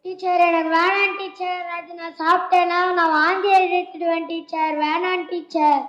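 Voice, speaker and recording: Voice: extremely high pitch, little pitch movement, moderate pace, pushed and bright. A child playing a schoolboy with a stomach ache in a school play, whining to his teacher. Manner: whiny, complaining. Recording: echoey, muffled school stage recording.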